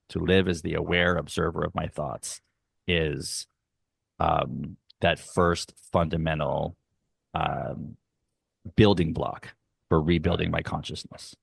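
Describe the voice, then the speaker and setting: Deep gravelly-voiced man, earnest. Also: fairly even intonation, dry recording, studio quality. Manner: earnest, explanatory, sometimes slow and emphatic. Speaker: guest, youth arts nonprofit leader. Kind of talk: conversational interview. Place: home, dog barking nearby.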